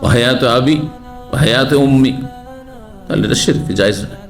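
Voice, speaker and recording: A man's voice: medium pitch, normal speed, gravelly, soft background music. Man giving a religious lecture. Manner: explanatory, asks the audience rhetorical questions. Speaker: Islamic scholar giving a lecture.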